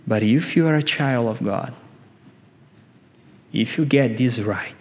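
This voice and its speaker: A man delivers a sermon at a very unhurried pace. His voice sits at a middle pitch and rises sharply on the words he wants to stress, in short, deliberate phrases. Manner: slow, emphatic preaching, rising on key words. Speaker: pastor.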